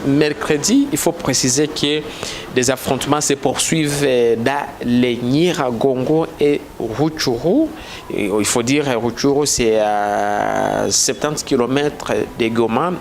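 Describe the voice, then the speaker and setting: A male reporter asks his questions formally in a live interview outdoors. He hesitates with fillers, at a pitch in the middle for a man, with faint street noise behind him. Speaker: journalist.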